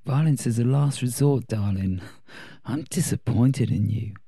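A man's voice: mid-range voice, unhurried, mellow, breathy edge, no room sound. A man voicing a languid, vain man who drawls and speaks theatrically. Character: languid, vain, pot-smoking man who calls everyone darling.

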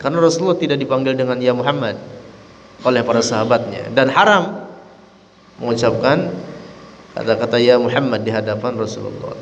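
A man in a mosque hall gives a dawn sermon and tells a story with lively energy, acting out each quoted voice. His voice sits at an ordinary middle pitch. The hall adds a long reverb, with a faint hiss underneath. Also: dull audio. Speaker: Islamic teacher.

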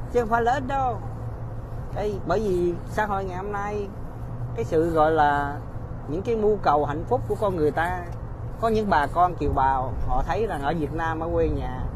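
Man, mocking commentary, higher voice, faint traffic noise behind. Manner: mocking, laughing, talking straight to viewers. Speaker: political commentator. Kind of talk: casual spoken commentary.

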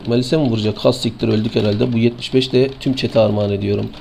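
A man with a Turkish accent streaming an online game, sleepy and excitable, swearing and taunting opponents as he plays. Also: lowish voice, fast talker, gravelly, slight background noise. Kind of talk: live gameplay commentary.

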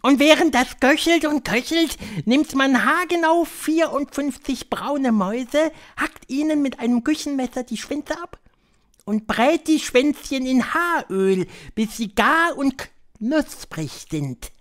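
A man reading an audiobook, voicing an imperious female witch leader who lectures in a shrill, drawn-out way. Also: lively intonation, fairly bright tone, full character voice. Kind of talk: audiobook character voice.

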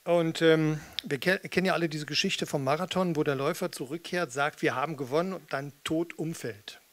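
Between songs, an older man who performs as a singer and spoken-word artist banters casually into a stand-mounted studio mic with a pop filter. His voice is a little high, fairly quick and a bit bright. He's in a small theatre with red seats and curtains.

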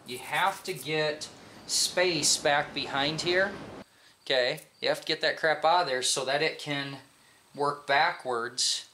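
A fortysomething American mechanic walks through an informal hands-on tutorial in a home garage workshop, chatty and instructive, frequently checking in with questions. His fairly high voice is bright and forceful, and he speaks slowly. A little hiss or hum runs under the recording.

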